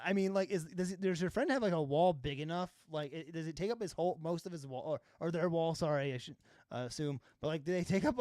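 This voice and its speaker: A man's voice: fairly high pitch, no room sound, studio quality. A man chatting casually on a live stream as a filmmaker, rambling with lots of fillers, swearing now and then. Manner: rambling, filler-heavy, swears and laughs often. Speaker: filmmaker live-streaming his color grading.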